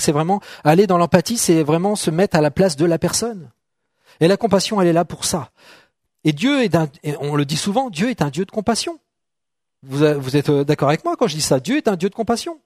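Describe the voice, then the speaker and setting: A man's voice: high-pitched, darkish tone, dry recording, clean studio sound. A middle-aged man preaching a sermon to a congregation in a conversational way, often checking in with "d'accord?" and joking with people in the room. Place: church hall.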